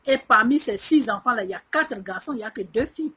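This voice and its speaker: Indignant, very husky woman. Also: on the high side, expressive, fast talker, pushed and bright. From Côte d'Ivoire. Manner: indignant, insistent, repeats her points. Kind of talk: opinion monologue to camera.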